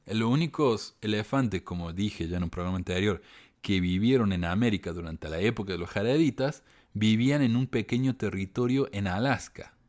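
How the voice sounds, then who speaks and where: A man's voice: lowish voice, moderate pace, darkish tone. A middle-aged man with an Argentine accent, hosting a live show, reading viewer comments and answering them casually, with wry asides, fillers and restarts. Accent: Argentine Spanish.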